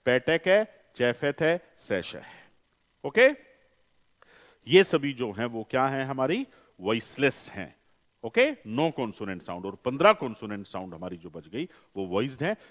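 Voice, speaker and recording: A man's voice: medium pitch, sing-song, moderate pace, big-room sound. A man teaching a phonetics class, asking questions and answering them himself, repeating key terms and mixing in English phrases. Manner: mixes English phrases into the lecture. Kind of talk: classroom lecture.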